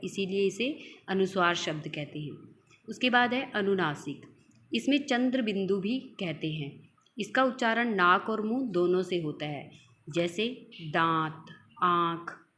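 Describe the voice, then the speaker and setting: A woman's voice: mid-range voice, a bit bright, a little hiss or hum. A woman teacher giving a school grammar lesson, drawing out example sounds and explaining each point with repetition. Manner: slow, drawn-out example sounds, explains and repeats.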